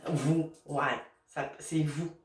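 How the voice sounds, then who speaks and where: Québécois woman, unhurried chatty card reader, a bit low, roomy distant recording. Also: steady tone. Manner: chatty and meandering, many fillers and asides to her spirit guides. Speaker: tarot and oracle card reader. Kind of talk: casual spiritual card reading.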